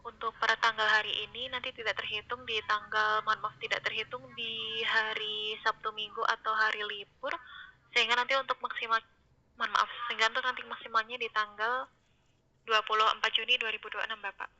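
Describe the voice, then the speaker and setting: A woman's voice: a little high, flat delivery, a little fast, pushed and bright. A woman speaking as a call centre agent in a polite, formal customer service voice over a muffled phone line.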